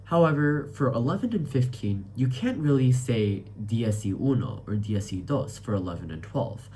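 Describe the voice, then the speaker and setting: A man's voice: medium pitch, expressive, moderate pace, a little mellow, slight background noise. A man, a student teaching beginner Spanish, narrating a tutorial and spelling each letter out, then repeating it. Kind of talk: screen-recorded tutorial narration.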